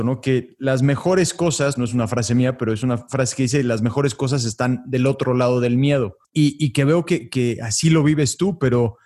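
A man's voice: medium pitch, darkish tone. A man hosting an interview, hesitant and repeating words as he works toward his questions.

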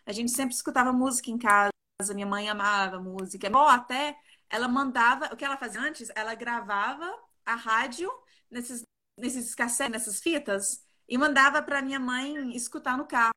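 A professional flautist in her twenties, from Brazil and partly raised in South Korea, chats casually and a little gigglingly as an interview guest on a video call. Her voice is a little high, bright and forceful, at normal speed.

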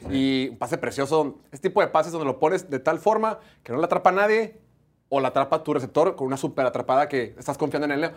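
Quick Mexican male host, fairly high voice. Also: expressive. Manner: slangy. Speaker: sports show host. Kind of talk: casual sports talk.

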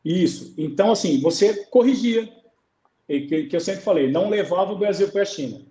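A man's voice: sits high, lively intonation, normal speed, warm tone. Man telling stories in an echoey room. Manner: storytelling, acts out dialogue. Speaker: guest goalkeeper coach. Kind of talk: conversational interview on a live stream.

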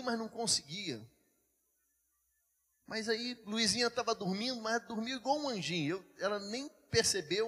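A man's voice: sits high, pushed and bright, husky, long reverb tail. A man preaching as a pastor, telling a testimony with emotion and addressing the congregation as brothers. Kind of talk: sermon testimony.

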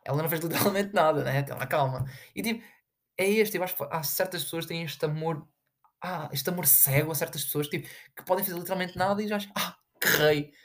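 A man's voice: on the high side, fast talker. Brief: young man, European Portuguese accent, casual sarcastic rant, rambling delivery, fillers everywhere. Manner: sarcastic, with big jumps into mocking voices.

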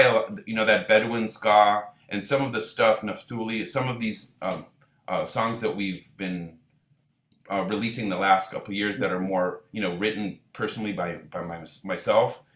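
In a relaxed, rambling interview, an Israeli man who leads a band speaks at a moderate pace in a fairly low voice with reverb. His long answers are packed with fillers and restarts.

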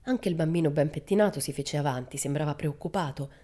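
A woman narrating a children's storybook in a measured, expressive way. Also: low-pitched. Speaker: audiobook narrator. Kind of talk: storybook reading.

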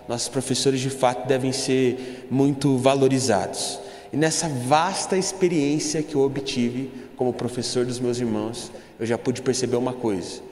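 A man's voice: mid-range voice, darkish tone, roomy sound, big-room sound. A young Brazilian man giving a humorous church testimony, telling a story and addressing the congregation as brothers. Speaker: church speaker.

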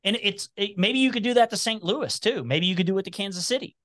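A man's voice: high-pitched, fast, dry recording, studio quality. Midwestern man with a slight Appalachian twang. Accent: Cincinnati with slight Appalachian twang. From Cincinnati, Ohio, US. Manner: rambling, animated, many restarts. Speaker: podcast guest. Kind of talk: casual podcast chat.

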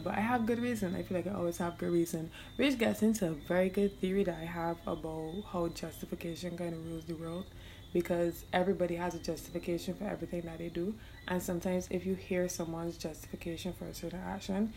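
A woman's voice: on the low side, warm tone, a little hiss or hum. A young woman from Barbados with a Bajan accent, hosting her solo podcast in loose, profane, laughing casual chat. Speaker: podcast host.

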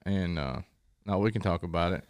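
A man's voice: deep voice, a little fast, darkish tone, clean tone. A man co-hosting a podcast, chatting easily and chuckling as he talks. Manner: easygoing, chuckling. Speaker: podcast co-host and evangelist. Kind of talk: casual podcast chat.

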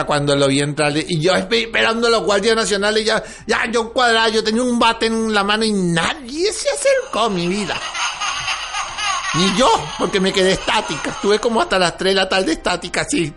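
A man doing a gossipy Venezuelan auntie, high voice. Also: expressive, moderate pace. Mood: gossiping. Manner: chatty, calls listeners "mi amor", laughs often. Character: gossipy middle-aged Venezuelan woman, chatty, cheeky. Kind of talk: comedic character monologue. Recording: music playing underneath.

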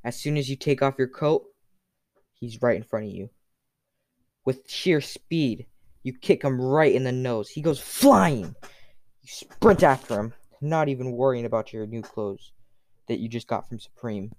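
A man's voice: medium pitch, normal speed, darkish tone. A man telling a second-person story in a casual, unscripted way, with fillers.

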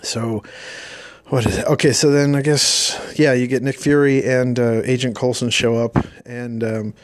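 A man's voice: mid-range voice, flat delivery, normal speed, no echo. A man giving a sarcastic, rambling recap of a movie's plot in a casual, mocking tone. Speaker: movie reviewer.

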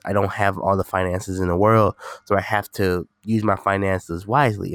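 Man, lowish clean voice, nasal and stuffed up, casual rambling podcast host, dry close sound. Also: no room sound. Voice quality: nasal, congested. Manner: informal, rambling, repeats phrases. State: slightly sick with a stuffy nose. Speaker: podcast host and gaming streamer. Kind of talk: casual solo podcast chat.

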